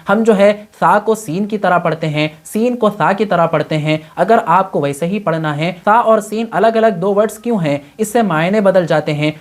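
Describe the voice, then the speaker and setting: A man teaching Quran reading with tajweed, explaining patiently step by step and mixing English words into his talk. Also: high voice. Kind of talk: tajweed lesson.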